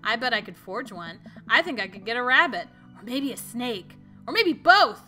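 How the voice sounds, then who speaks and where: A woman's voice: a little high, animated, moderate pace, bright, forceful tone, soft background music. A woman hosting a let's play, chatting casually over gameplay with playful, giggly, rambling asides.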